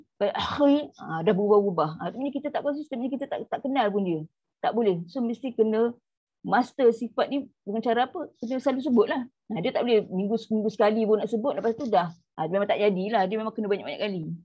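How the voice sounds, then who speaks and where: Malaysian woman tajwid teacher, higher pitch, firm and repetitive, slightly muffled audio. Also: slightly rough. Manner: explains firmly, repeats sample sounds, chanting recitation examples. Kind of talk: online Quran recitation class.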